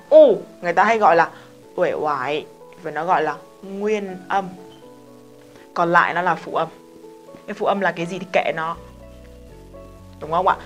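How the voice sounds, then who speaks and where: Woman teaching english, chatty and emphatic, keeps asking the class stuff, bit of soft music behind. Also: on the low side. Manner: chatty, emphatic, talks straight to students with questions. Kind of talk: casual spoken lesson.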